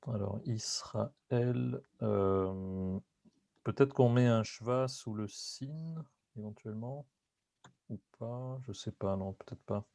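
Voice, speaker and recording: A man's voice: on the low side, slow pace, vocal fry, dark tone, dry recording, studio quality. A man answering in a language class, tentative and unsure of himself. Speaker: student.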